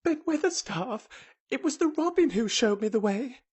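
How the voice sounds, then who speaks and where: A man's voice: very high-pitched, expressive, moderate pace, darkish tone, breathy edge, voice pushed up, full character voice. A man voicing an obstinate, plucky young girl with a breathless, protesting manner, in a storybook reading. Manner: gasping, protesting.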